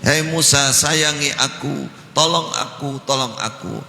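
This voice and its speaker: A man's voice: a little high, unhurried, creaky, sharp tone, heavily acted. Preacher doing a scared guy begging for help, desperate pleading, long hall reverb. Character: terrified grown man begging for mercy. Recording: echoey mosque hall.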